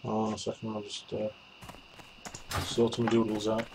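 A man streaming his first time in a game, chatting casually and often muttering quietly to himself. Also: fairly low pitch, completely flat delivery, moderate pace, background noise. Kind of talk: casual chat while gaming.

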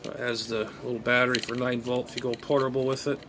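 Thinking aloud in a casual unboxing vlog, this middle-aged amateur radio hobbyist rambles and mutters to himself as he handles items, speaking quickly at medium pitch with little pitch movement. A phone propped at arm's length in his small bedroom captures the audio, which has noticeable noise, clear background noise and room ambience.

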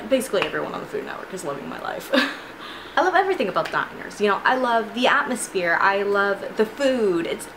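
A young woman, a student, telling a casual storytime vlog in a chatty, animated way with frequent laughs, filmed at home on a camera in her room. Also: medium pitch. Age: young adult. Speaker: vlogger. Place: bedroom with shelves of figurines, indoors. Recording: noisy home recording.

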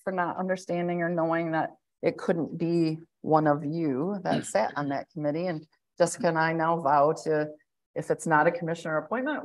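A woman in her thirties with a loud, slightly low voice gives a county administrator's report to the board at a work session, joining the hybrid meeting by webcam from an indoor office. She speaks easily and conversationally, full of fillers and restarts, and the recording quality is low.

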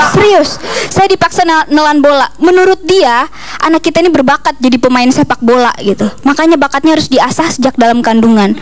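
A young East Kalimantan woman does stand-up on a televised comedy stage, handheld mic in hand and audience noise in the background. Her voice is high-pitched, and the recording sounds rough.

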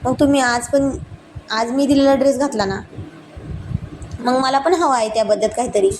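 A woman's voice: high voice, normal speed, noisy background, lightly acted. A woman voicing a playful young man in love, coaxing and teasing his girlfriend.

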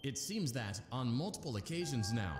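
Guy doing a showy corporate announcer in a video game, lively pitch, echoey sound, bit of music behind. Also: normal speed, close to an everyday voice. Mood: falsely cheerful. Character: smooth-talking male showman announcer for an entertainment company. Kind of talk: scripted announcement. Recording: echoing game audio with faint music.

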